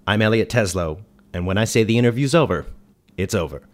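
An actor playing a dry, exasperated ghost who hosts a radio show, speaking in a deadpan, wry way. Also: male voice, on the low side, fairly quick, lightly acted. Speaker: host. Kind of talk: comedy radio sketch.

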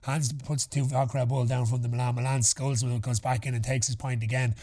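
A man's voice: medium pitch, little pitch movement, quick pace, dark tone. A thirty-year-old man with an Irish accent, chatting casually as a podcast host with slangy, sweary storytelling. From Ireland. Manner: sweary, slangy anecdote telling. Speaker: podcast host answering listener questions. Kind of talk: casual chat.

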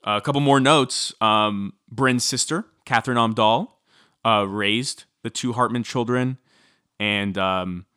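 A man's voice: on the low side, a little slow, clean tone, no echo, studio quality. A man casually recounting a true-crime story as podcast co-host, chatty with many fillers. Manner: chatty, filler-heavy, animated when quoting.

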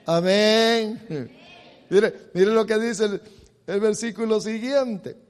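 A man preaching an emotional sermon, swinging from soft talk to loud, fervent scripture reading. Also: sits high, measured pace. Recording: long hall reverb.

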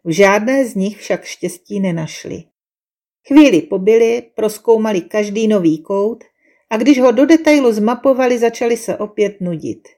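A woman reading a storybook tale aloud with calm, measured narration. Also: mid-range voice.

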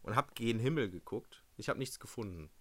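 A young man on a casual podcast, his pitch swinging up and down as he tells a story. He rambles, stumbling over fillers and restarting his sentences as he goes. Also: lively intonation, a little fast, a bit bright. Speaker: podcast co-host. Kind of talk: casual chat.

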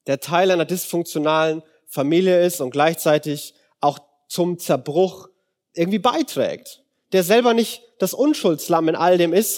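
Lively high-voiced young German preacher. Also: male voice. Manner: animated, slangy, acts out quotes in different voices. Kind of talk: casual youth sermon retelling a Bible story.

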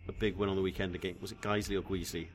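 A man hosting a casual football chat, relaxed and hesitant, often restarting his phrases. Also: low-pitched, rapid-fire, slight background noise. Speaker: podcast host.

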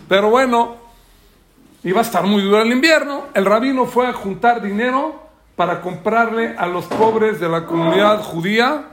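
Man, rabbi, sermon, animated storytelling, high voice. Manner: animated storyteller, acts out characters' lines. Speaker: rabbi teaching a weekly Torah class.

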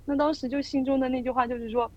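A woman's voice: high-pitched, fairly even intonation, fast talker, darkish tone, lo-fi sound. A woman guest sharing a personal testimony in a casual Bible study, telling it as a story with many fillers.

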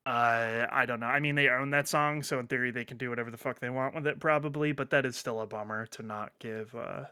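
A man's voice: mid-range voice, fairly even intonation, quick pace, sharp tone, clean tone, no echo, studio quality. A man hosting a podcast in casual chat, rambling with lots of fillers, restarts and offhand swearing. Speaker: podcast host.

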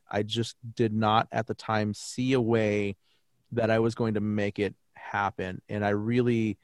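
In a podcast interview, a young adult man, a native English speaker who teaches German, talks earnestly and reflectively, often restarting his sentences. His voice is fairly low and darkish, recorded at studio quality with no echo.

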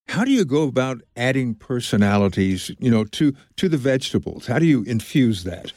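A man interviewing a guest, asking lively, slightly halting questions. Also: medium pitch, no echo, clean studio sound.

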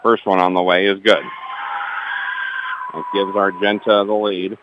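A man's voice: deep voice, flat delivery, muffled recording, slight background noise. A man giving play-by-play commentary on a basketball game, rattling off each pass and adding dry asides about the officiating. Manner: rapid player-by-player calls, dry asides about the refs. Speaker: play-by-play announcer.

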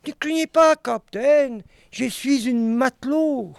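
A man voicing a frightened young woman aboard a ship in a storm, high and pleading. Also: slow, creaky, no echo, exaggerated voice. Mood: anxious.

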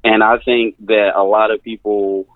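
A man's voice: on the low side, flat delivery, moderate pace, no echo. A male therapist from California, speaking earnestly and emphatically as a guest in an interview, repeating his key phrases. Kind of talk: conversational interview. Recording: tinny phone-line sound.

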